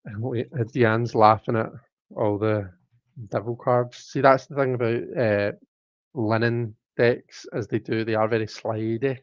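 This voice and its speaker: A man's voice: medium pitch, fairly even intonation, a little slow, no room sound, dull audio. Chatty man hosting a tarot stream. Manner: chatty, self-mocking, reads out viewer comments. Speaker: tarot reader and livestream host. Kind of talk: casual live-stream chat.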